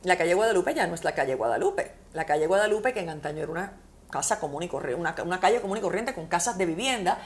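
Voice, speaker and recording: A woman's voice: lowish voice, animated, fast. A woman author with a Puerto Rican accent, telling heartfelt personal stories in a conversational interview. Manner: vivid, heartfelt personal storytelling.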